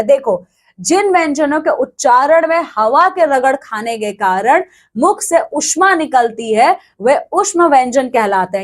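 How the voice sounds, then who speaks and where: A woman with a high, light voice takes students through a grammar lesson. She explains each point patiently and often stops to check with "okay". She sounds out letters slowly, one after another. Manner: repeats "okay" and "look", talks straight to students. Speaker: teacher.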